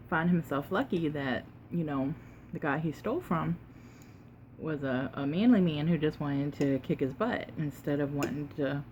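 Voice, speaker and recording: A woman tells a casual, unhurried story while eating, pausing to chew and sometimes talking with her mouth full, with emphatic retelling. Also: low voice, darkish tone, a little hiss or hum. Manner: unhurried, conversational, emphatic retelling with quoted exchanges. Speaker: mukbang vlogger.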